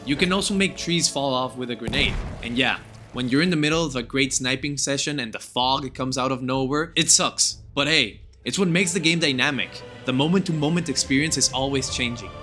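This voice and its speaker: Bright-voiced young man, enthusiastic gaming narration. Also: mid-range voice, a little fast, faint music behind. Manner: gushing, informal. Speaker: gaming video essayist. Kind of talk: enthusiastic scripted video narration.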